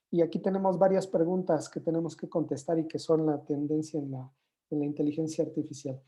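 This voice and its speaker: Very dark-voiced lecturer man. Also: fairly high pitch. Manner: explanatory, asks rhetorical questions, uses fillers like "este". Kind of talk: university conference lecture.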